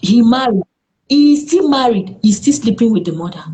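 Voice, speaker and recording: A Nigerian woman speaking as a therapist in an interview, earnest and lively, with exclamations in her stories. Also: a little high, a little fast. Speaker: therapist guest. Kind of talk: interview conversation.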